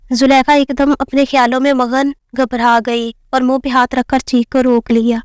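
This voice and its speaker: A woman narrating a romance novel in a steady reading voice. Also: high-pitched, no echo, clean studio sound. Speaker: story narrator.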